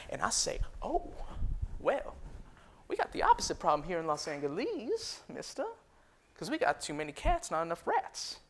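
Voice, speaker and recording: A man's voice: on the high side, fairly bright tone. A man playing a proud former slave turned barber entrepreneur, telling his story in a folksy first-person monologue with frequent chuckles. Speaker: historical reenactor.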